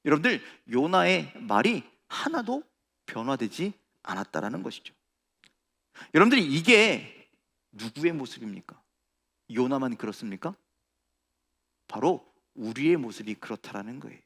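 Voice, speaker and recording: Animated pastor, bright gravelly voice, hall echo. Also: male voice, mid-range voice, normal speed, pauses often. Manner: animated preaching, acting out quoted prayers in a raised voice. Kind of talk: sermon. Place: large church sanctuary. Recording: reverberant church hall.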